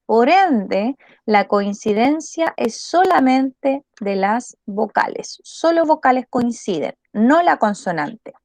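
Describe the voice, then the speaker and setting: A woman's voice: a little high, dry recording. A woman teacher with a Chilean accent, explaining a school lesson patiently and checking often whether the class follows.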